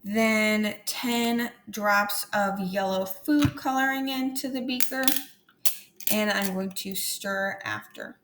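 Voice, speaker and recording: A woman's voice: medium pitch, slow pace, background noise. Woman teacher walking through a lesson. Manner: steady instructional tone, demonstrating hands-on steps. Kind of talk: recorded classroom lesson walkthrough.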